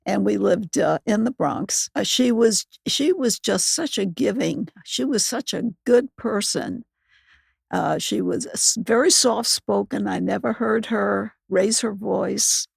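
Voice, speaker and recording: Very old woman, nineties, gravelly, husky, halting, plain-spoken, conversational interview guest. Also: medium pitch, dry recording. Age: 90s. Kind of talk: reminiscing in conversation.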